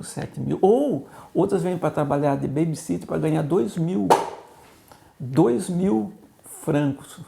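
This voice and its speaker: Gravelly Brazilian pastor, vivid storyteller. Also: male voice, fairly high pitch. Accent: Brazilian Portuguese. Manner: animated, acts out quoted voices in his stories. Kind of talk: interview storytelling.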